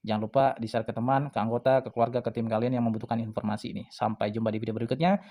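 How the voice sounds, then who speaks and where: Fast-talking male crypto host. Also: medium pitch, fairly even intonation, warm tone. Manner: chatty, filler-heavy, addresses viewers as friends. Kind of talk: casual screen-walkthrough commentary.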